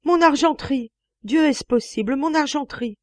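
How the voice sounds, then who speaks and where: Reader doing a lady of the house losing it, high wailing, stammering, dry close sound. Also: slow, mellow, slightly rough, no room sound, exaggerated voice.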